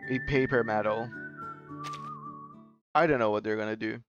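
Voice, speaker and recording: A man's voice: lowish voice, steady tone, normal speed. Male game streamer, slightly dull mic. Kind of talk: reading visual novel narration aloud with casual reactions. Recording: dull lo-fi mic over music. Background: game music.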